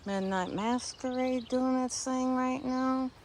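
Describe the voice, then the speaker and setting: A woman's voice: sits high, steady tone, slow pace, a little hiss or hum. A woman giving a casual, rambling tour of her garden, musing aloud and trailing off mid-sentence. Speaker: garden vlogger. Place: outdoor garden.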